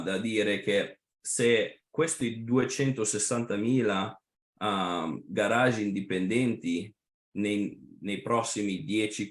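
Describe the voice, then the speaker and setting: Slow, hesitant man in an echoey room. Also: fairly low pitch. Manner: halting, many fillers and restarts, slips into English. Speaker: trade association representative. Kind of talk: webinar presentation. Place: online webinar.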